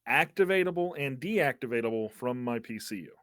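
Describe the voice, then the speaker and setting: A man's voice: medium pitch, lively intonation, a little fast, fairly bright tone, dry recording, clean studio sound. A man playing a tabletop role-playing game, chatting casually and tentatively as he thinks aloud.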